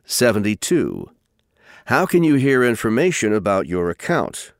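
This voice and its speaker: A man reading scripted listening test instructions and questions in a formal, deliberate way. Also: lowish voice, sing-song, no room sound, studio quality.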